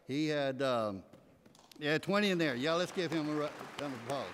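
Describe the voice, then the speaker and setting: With a choir at his back in a large sanctuary, an older East Texan makes homespun announcements from the pulpit at a normal speed, his voice a bit high. Many filler "uh"s creep in. The pulpit mic picks up a noisy background and the hall's long reverb.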